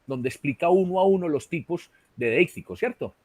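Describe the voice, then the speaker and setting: A Colombian male teacher lectures online through a computer mic on a video call, his manner explanatory and peppered with "¿sí?" and "¿cierto?" check-ins. His voice is on the high side, expressive, a little mellow and slightly rough, at a moderate pace, in clean studio sound with no room sound.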